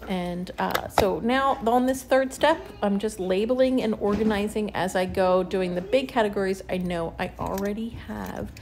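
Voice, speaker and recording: A woman's voice: mid-range voice, moderate pace, hardly any pauses, a little mellow. A woman in her thirties chatting casually through a home organizing vlog, laughing lightly mid-sentence. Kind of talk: casual voice-over narration. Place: home kitchen with pantry, indoors.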